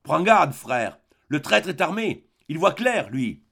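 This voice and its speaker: A man's voice: mid-range voice, wildly swooping pitch, slow pace, gravelly, a bit bright, slightly rough, full character voice. A man voicing a brave, desperate young woman in a read-aloud novel, crying out urgent warnings. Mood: alarmed. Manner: raised, urgent cries.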